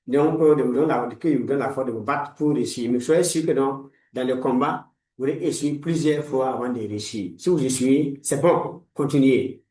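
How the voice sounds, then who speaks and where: A man's voice: mid-range voice, normal speed, hardly any pauses, darkish tone, far from the mic. Preachy man in his forties, echoey room. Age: 40s. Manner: preachy, repetitive, blessing-heavy. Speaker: life coach. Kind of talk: motivational talk. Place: room lined with books, indoors.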